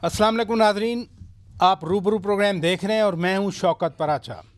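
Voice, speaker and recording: A middle-aged man with a Pakistani Urdu accent, hosting a formal current-affairs talk show with a brisk anchor delivery and probing questions. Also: sits high, faint music behind.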